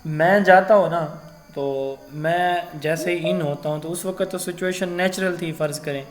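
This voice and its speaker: A man delivers a recorded lecture. His voice sits a little high, and he keeps asking questions and working through everyday school examples. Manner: explains with classroom examples and quiz questions.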